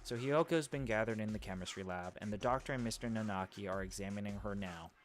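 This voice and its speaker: A man's voice: on the low side, fast, soft background music. A man playing through a visual novel and reading every character's lines aloud, switching between put-on voices and sometimes hammy accents. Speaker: let's play host reading game dialogue aloud.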